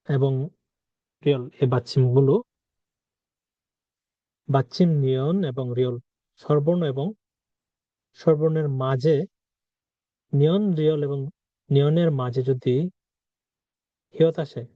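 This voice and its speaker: A man teaching a language lesson, saying words slowly and repeating them to drill their sounds. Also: medium pitch, no room sound. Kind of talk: spoken lesson. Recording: dry, dull lo-fi sound.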